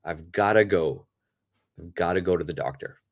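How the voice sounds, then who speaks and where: During a live online English lesson, a male teacher with a stuffed-up nose speaks slowly and deliberately, repeating key words for his learners. He sits low.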